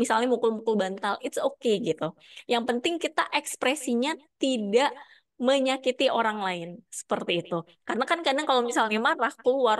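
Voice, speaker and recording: A woman coach talks listeners through slow breathing in a gentle, soothing way. Her voice sits somewhat high. She sounds a bit far from the microphone. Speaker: holistic health coach. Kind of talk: guided breathing talk. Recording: distant from the mic.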